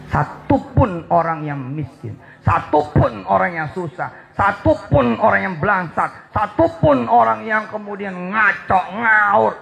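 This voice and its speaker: A male preacher delivers a lively sermon to a gathering. He talks straight to his listeners, repeats key words, and swings from soft asides to shouted emphasis. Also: sits high, a little slow, vocal fry, few pauses, faint music behind. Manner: addresses the audience directly and repeats key words.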